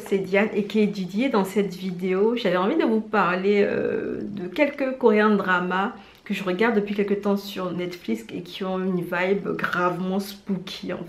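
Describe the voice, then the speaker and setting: A woman's voice: mid-range voice, slight background noise. Girl vlogging recs, super casual and slangy, pokes fun at herself, bit of room echo. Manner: animated, slangy, self-mocking. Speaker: vlogger presenting drama recommendations. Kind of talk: casual chat to camera. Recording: roomy indoor echo.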